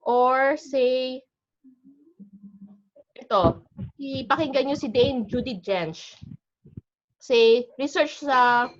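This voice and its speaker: Filipino woman, teacher, chatty online lesson, mixes Tagalog and English, a touch high, muffled video-call sound. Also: very slow, pauses often. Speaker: IELTS teacher. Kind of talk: online class lecture.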